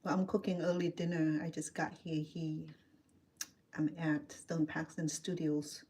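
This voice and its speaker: A middle-aged woman from Cambodia, speaking with a Cambodian accent, cooks at home while chatting with livestream viewers, responding to their comments and laughing a lot. Her low, mellow voice has a breathy edge and an unhurried, flat delivery.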